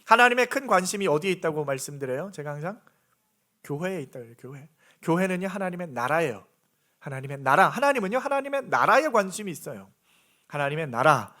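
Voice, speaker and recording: Guy pastor preaching in church, high bright voice, keeps asking the crowd questions. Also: very animated, fairly quick. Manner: earnest preaching with repeated rhetorical questions. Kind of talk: sermon. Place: church sanctuary.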